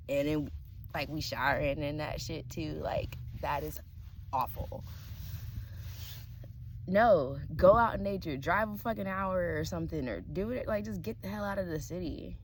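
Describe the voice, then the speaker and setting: A young woman with a low voice talks candidly to her camera while sitting at a campsite. She vents freely and swears often. Steady outdoor noise sits under the voice. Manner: candid, profane, venting. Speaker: vlogger. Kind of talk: casual vlog monologue.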